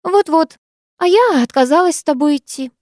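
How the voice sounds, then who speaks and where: Nosy jealous schoolgirl, a woman reading her, kinda high, warm mellow voice. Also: animated, moderate pace, no echo, studio quality. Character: fussy jealous teenage schoolgirl friend.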